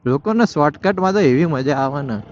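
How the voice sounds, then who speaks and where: A man's voice: on the high side, animated, fairly quick, darkish tone. A man giving casual running commentary while riding through city traffic, scolding wrong-side drivers and slipping into Hindi phrases. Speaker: vlogger riding a motorbike. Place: on a motorbike in city traffic outdoors. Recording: dull lo-fi audio with faint traffic noise.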